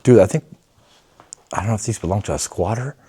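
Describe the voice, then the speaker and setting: A man's voice: lowish voice, fast talker, dark tone, slightly rough. A man hosting an exploration vlog, chatting casually to viewers with slangy, sweary speech as he walks through underground passages. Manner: profane, slangy. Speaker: host of an urban exploration vlog. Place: underground corridors and tunnels of abandoned building. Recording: noisy handheld recording in underground tunnels.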